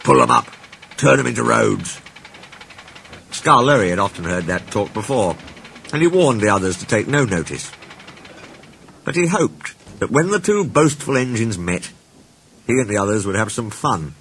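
A man narrating a children's storybook in an expressive, playful way. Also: fairly low pitch, normal speed, a little hiss or hum. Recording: reading with background music.

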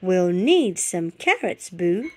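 A woman voicing a kind, patient little girl in a picture book, in a gentle coaxing tone. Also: fairly low pitch, big pitch swings, slow, slight background noise.

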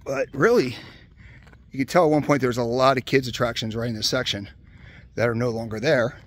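A man from the Hershey area of Pennsylvania walks outdoors through an old amusement park, talking casually into a handheld camera. His delivery is relaxed and conversational, dotted with "uh" and "um" as he points out rides. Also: medium pitch, a little fast. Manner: relaxed, chatty, many "uh" fillers. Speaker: vlogger exploring a closed amusement park. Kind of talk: casual walk-around commentary.

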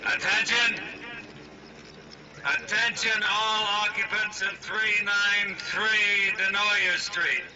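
A cop calling through a megaphone. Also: male voice, high-pitched, background noise. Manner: loud, commanding, flat announcement. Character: male police officer ordering suspects out. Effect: voice through a police megaphone. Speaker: police officer. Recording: distant dull megaphone outdoors with siren. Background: police siren.

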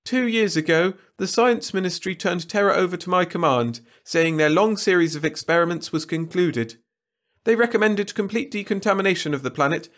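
Male narrator doing a high, whiny, groveling alien war lord, loud and strained. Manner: whining, pleading.

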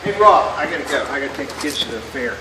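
A man's voice: medium pitch, animated, fast talker, a crowd in the background. A man in a large barn making offhand, teasing remarks during casual chat. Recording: distant voice over loud background noise.

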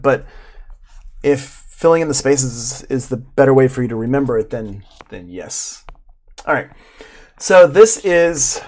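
Indoors in a small home room, an audio production instructor in his forties leads an informal live tutorial with plenty of enthusiasm. He talks in a mid-range, slightly mellow voice.

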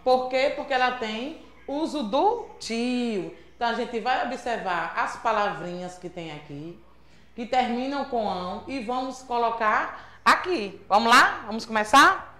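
Woman, Sergipe Brazilian accent, primary teacher, slow deliberate pace, somewhat high voice, echoey room. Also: lively intonation, pushed and bright. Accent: Sergipe Brazilian Portuguese. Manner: patient, sing-song teacherly prompting with frequent checks like "certo?". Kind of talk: remote lesson for young children.

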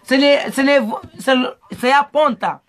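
A man's voice: extremely high pitch, fairly bright tone. A man from Mehedinți in a street interview, rambling and repeating his pleas over and over. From Mehedinți, Romania. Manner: rambling, repetitive pleading.

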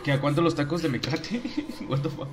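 A man streaming a game, casually teasing his teammates and bursting into excited yells. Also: on the high side, normal speed. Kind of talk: casual live-stream commentary.

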